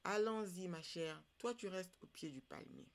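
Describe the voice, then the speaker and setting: A storyteller voicing a crafty, greedy parrot in a folk tale, speaking in a smooth, sly way. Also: mid-range voice, moderate pace, lightly acted.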